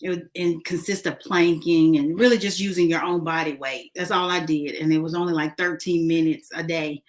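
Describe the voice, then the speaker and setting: A woman's voice: deep voice, fairly even intonation, moderate pace. A woman vlogging casually, chatting with many fillers while she eats a snack. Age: adult, mother of a son. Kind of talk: casual eating and talking vlog.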